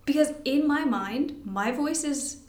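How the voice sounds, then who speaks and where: Her voice is high-pitched with a darkish tone, and she speaks a little slowly: a young woman co-hosting a casual podcast chat. She is giggly and rambling, self-deprecating and tired-sounding, with a roomy echo around her.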